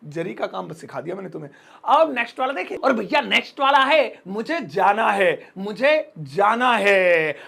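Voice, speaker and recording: A man teaching spoken in a casual Hindi lesson, joking and acting out little scenes, saying the phrases slowly. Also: very high-pitched, pushed and bright. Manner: playful, jokey, acts out little scenes; says English phrases slowly and clearly. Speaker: English teacher.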